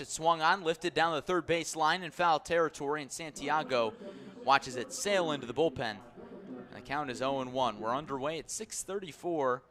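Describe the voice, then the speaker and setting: A man does live radio play-by-play of a baseball game, keeping measured between pitches and turning excitable on big plays.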